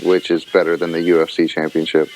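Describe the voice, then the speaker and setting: Very deep-voiced crude joker. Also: male voice, completely flat delivery, fast talker, darkish tone, faint music behind, low-quality recording. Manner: crude, joking, plain-spoken opinions. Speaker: podcast co-host. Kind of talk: casual wrestling podcast chat.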